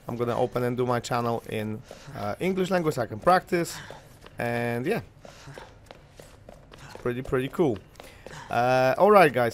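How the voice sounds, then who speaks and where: A young Polish man, a gaming channel host whose first language is Polish, chats and rambles through a video game commentary, packing in lots of fillers. His voice is mid-range, and his headset mic picks up a little background noise.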